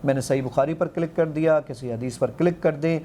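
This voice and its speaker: A man with a fairly high voice walks an interviewer through his app, quoting his own commands and counting off seconds. His tone is mellow and soft-edged. A faint hum of noise sits behind him. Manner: eager, quotes himself giving commands, counts aloud. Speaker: app founder demonstrating his app. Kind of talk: animated demonstration in an interview.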